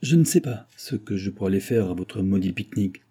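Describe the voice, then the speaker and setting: A man's voice: on the low side, lively intonation, fast, dark tone, husky. A man reading an audiobook and voicing a sullen young sub-lieutenant who answers curtly and grumbles. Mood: grumpy. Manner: curt, grumbling.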